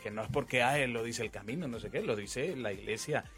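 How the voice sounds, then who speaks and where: This man in his 20s takes the role of a priest in a relaxed religious exchange, explaining forcefully and repeating himself. He talks briskly in a mid-range, fairly bright voice, and music sits under the speech.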